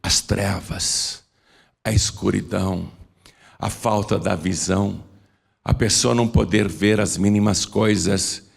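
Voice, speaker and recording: A man's voice: lowish voice, fairly even intonation, slow, gravelly, slightly rough, big-room sound. A man with a Brazilian Portuguese accent preaching a sermon to a church, swinging his voice up and down for drama as he tells scripture stories. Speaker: pastor.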